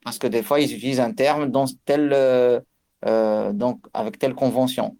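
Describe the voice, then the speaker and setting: A man's voice: medium pitch, fairly even intonation, moderate pace, dark tone. A man giving a religious lesson on recitation rules, explaining with fillers and restarts and chanting Arabic examples. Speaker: religious teacher. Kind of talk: tajwid lesson.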